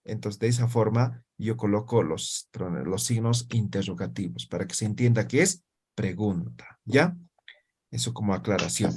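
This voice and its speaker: A man's voice: fairly low pitch, normal speed, darkish tone, breathy edge. A man, an Aymara speaker, teaching an Aymara language class and checking understanding with frequent tag questions. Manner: explains with constant "¿no ve?" tag questions. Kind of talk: classroom lesson.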